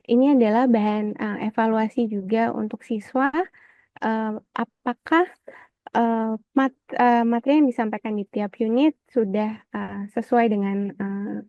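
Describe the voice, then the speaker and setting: A woman's voice: fairly high pitch, dry recording. Woman walking people thru an e-book, says eh a lot, kinda muffled dry sound. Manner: frequent "eh" fillers, closes points with "begitu". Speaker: webinar presenter. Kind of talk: explaining an e-book walkthrough.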